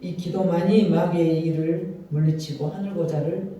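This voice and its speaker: Male pastor, high dark voice, fervent sermon delivery, distant mic, booming church echo. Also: steady tone, moderate pace, muffled recording. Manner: impassioned preaching that acts out biblical speakers. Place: church sanctuary.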